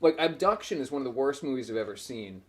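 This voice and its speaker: A man's voice: medium pitch, expressive, fast. A man hosting a casual movie review podcast, stammering and restarting, sounding exasperated. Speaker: podcast host.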